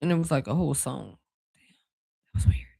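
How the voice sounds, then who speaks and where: Casting: rambling spiritual card reader with a gravelly voice, chatting to "y'all" in a dry, close room. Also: medium pitch, lively intonation, fairly quick, mellow, no room sound. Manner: rambling and chatty, with many "you know" fillers; talks straight to viewers as "y'all". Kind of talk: casual spiritual card reading to viewers.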